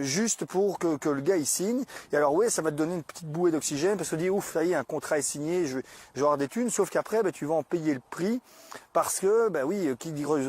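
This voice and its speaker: A man hosting a podcast, talking through business ideas in a casual, colloquial way, often pausing and restarting as he speaks directly to the listener. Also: on the high side, darkish tone. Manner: hesitant, many pauses and restarts. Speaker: podcast host.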